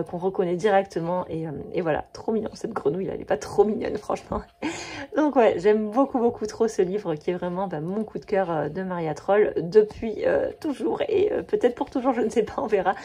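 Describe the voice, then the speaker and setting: A woman in her thirties talks casually to her camera in a mellow, slightly husky voice. She gushes freely about what she loves, filling her talk with fillers and small restarts. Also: medium pitch. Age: 30s. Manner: chatty, gushing, many fillers and restarts. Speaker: coloring book vlogger. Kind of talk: casual chat.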